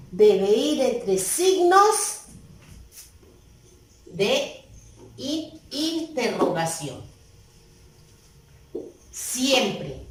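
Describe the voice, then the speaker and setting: A woman teacher giving a grammar lesson, speaking deliberately and repeating key words for emphasis. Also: on the high side, darkish tone, recorded from a distance. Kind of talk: recorded grammar lesson for pupils. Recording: very echoey room, voice off-mic.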